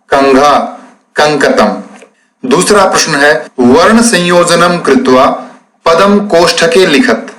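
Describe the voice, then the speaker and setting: A man teaching a classroom lesson, explaining textbook exercises slowly and spelling out words syllable by syllable. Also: fairly high pitch, fairly bright tone, poor audio.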